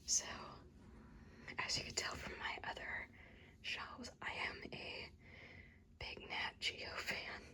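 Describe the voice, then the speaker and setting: A woman whispers in a hushed ASMR library style, breathy and soft. She takes her time as she presents each item, with slow pacing and an intimate, unvoiced delivery. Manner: soft, hushed, unhurried show-and-tell. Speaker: ASMR creator giving a bookshelf tour.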